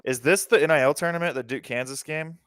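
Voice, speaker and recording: A man's voice: fairly high pitch, quick pace, a bit bright. A man giving casual sports analysis, chatty and thinking aloud with fillers.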